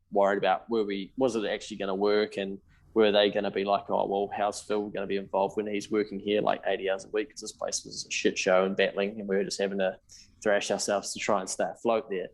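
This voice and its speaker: Fairly quick and completely flat in delivery, a lowish-voiced New Zealand man in his thirties shares his story openly on a podcast. He is an accountant who founded a business, and he swears casually while reenacting earlier conversations.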